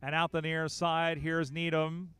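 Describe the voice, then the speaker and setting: A man giving live play-by-play commentary on a football match, calling the action quickly and getting louder on big plays. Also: a little high, clear, resonant tone, dry recording. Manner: rapid play-by-play, rising excitement on big plays. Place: outdoor sports field.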